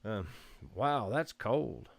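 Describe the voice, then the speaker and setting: A man's voice: lowish voice, lively intonation, extremely slow, gravelly, dry recording, studio quality. A man with a Southern US accent hosting a casual live-stream chat at home, rambling and easygoing, chuckling often. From Georgia, US. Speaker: photography livestream host. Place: room at home.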